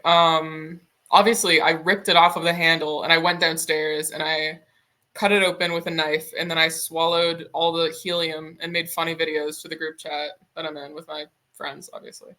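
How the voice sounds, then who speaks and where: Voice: medium pitch, little pitch movement, normal speed, sharp tone. A streamer in a casual drawing stream, musing aloud and swearing casually.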